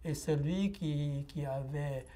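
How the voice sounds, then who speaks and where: A Lao man in his sixties, interviewed about his own life, offers a reflective testimony in a mellow, slightly high voice. He speaks slowly and hesitantly, with many pauses and filler sounds, over faint background noise.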